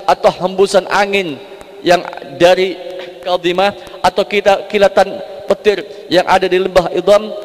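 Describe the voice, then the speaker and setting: A man with a fairly high voice preaches a sermon in a large mosque hall. He repeats key phrases to drive them home and slips into chanting Arabic verses between his explanations. The room gives a long, echoing reverb. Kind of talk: sermon explaining devotional poetry.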